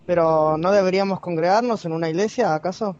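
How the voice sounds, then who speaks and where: A man's voice: high voice, highs cut off, a crowd in the background. A man asking a hesitant question in an online chat, sounding distant as if the phone is held away from his mouth. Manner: hesitant, halting with fillers. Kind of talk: casual questioning.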